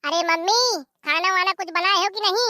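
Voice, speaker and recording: A performer doing a henpecked young village husband stuck between his wife and mother in a cartoon. He pleads and blusters. The voice is very high-pitched and dry. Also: fairly quick, sharp tone, dry recording, exaggerated voice. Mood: pleading. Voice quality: pleading, then blustering threats. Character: harried young village husband caught in a family feud.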